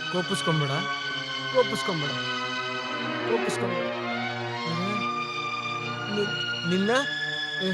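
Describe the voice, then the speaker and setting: A man voicing a drunk, debt-ridden younger brother in a dubbed film, rambling, pleading and repeating himself. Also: very high-pitched. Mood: remorseful. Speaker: film character in a dub. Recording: loud film score behind the voice.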